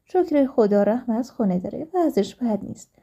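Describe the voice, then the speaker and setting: A woman narrating a first-person life story in a calm, steady reading voice. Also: fairly high pitch, gravelly.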